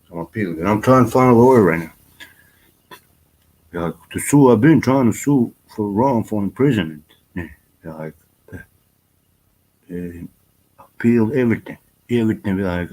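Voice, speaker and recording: Rambling low-voiced man venting. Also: a little mellow, rough recording. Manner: rambling, frequent swearing, many fillers. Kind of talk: rambling personal vlog.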